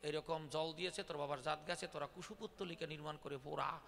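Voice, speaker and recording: A man's voice: a little high, steady tone, fast talker, gravelly, a bit bright. A man voicing stern village priests who order a family to treat a man as an outcast, in a commanding, scolding way. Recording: reverberant hall.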